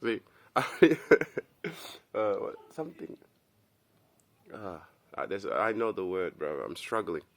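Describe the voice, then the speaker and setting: Laid-back low-voiced man calling everyone bro. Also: animated, takes it slowly, pauses often, fairly bright tone. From Kenya. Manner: loose and rambling, says "bro" often. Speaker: commentary video host. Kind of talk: casual monologue.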